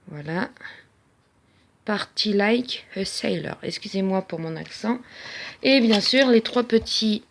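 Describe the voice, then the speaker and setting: A woman talks casually through her craft haul at home, pausing with plenty of fillers. Her voice has a gravelly fry at a middle pitch. A faint hiss of noise sits under the recording. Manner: chatty, hesitant with many fillers. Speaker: crafting vlogger. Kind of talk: casual haul show-and-tell.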